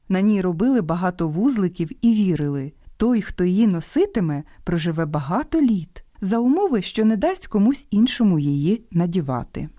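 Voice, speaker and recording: A woman hosting a radio program about language, reading a scripted talk with a didactic tone and clear stress on each example word. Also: on the low side, dry recording, clean studio sound. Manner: didactic, lively emphasis on quoted words.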